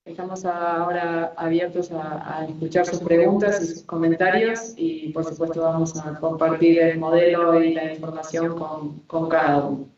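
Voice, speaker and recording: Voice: mid-range voice, fairly quick, few pauses. A webinar moderator interpreting the presentation, speaking with frequent hesitant fillers. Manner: flat delivery with frequent "eh" fillers. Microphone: video call. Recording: echoey, muffled call from far off.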